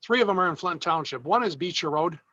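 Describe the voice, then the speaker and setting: A man's voice: a little high, expressive, bright, forceful tone. Man on a bad, breaking-up call. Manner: halting, pausing often with "uh". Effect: breaking up over a bad video-call connection. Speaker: road advisory committee member giving a report. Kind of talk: informal report at a video-call public meeting. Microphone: video call. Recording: dull lo-fi call audio with faint noise.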